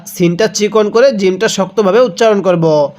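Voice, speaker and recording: A man's voice: high voice, normal speed, a little mellow. A man teaching Quran reading, spelling each word syllable by syllable and asking the viewer to repeat after him. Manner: drills syllables aloud, repeating and asking "how will we read?". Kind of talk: slow spelling-out recitation lesson.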